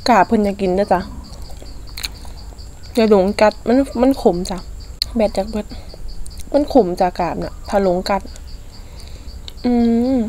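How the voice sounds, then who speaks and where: A woman with an Isan accent chatting casually as she eats in a food vlog, using soft polite particles. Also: mid-range voice, a little slow, pauses often, a little hiss or hum. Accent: Isan (Northeastern Thai). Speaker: food vlogger.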